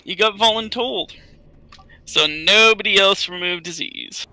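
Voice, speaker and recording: A man leading a raid in casual game voice chat, issuing quick commands. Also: sits high, bright, forceful tone, no echo.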